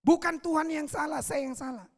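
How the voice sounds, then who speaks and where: A man voicing a calm older man, stroke-stricken, who blames himself and not God. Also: very high-pitched, a little fast. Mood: resigned. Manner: calm, self-blaming.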